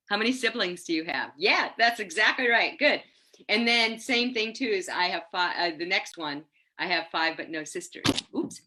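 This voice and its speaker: Woman, 60s, bright clear tone, teacher trainer, lively and laughing, webcam video call. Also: mid-range voice. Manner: lively, enthusiastic, laughs often. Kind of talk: online teaching webinar. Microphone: laptop webcam on a video call.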